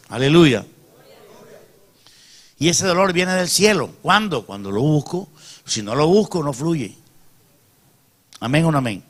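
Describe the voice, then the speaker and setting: Emphatic male pastor preaching. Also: fairly high pitch. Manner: emphatic, calls out "amen" and rhetorical questions to the congregation; swings between soft asides and loud emphatic peaks. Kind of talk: preaching a sermon.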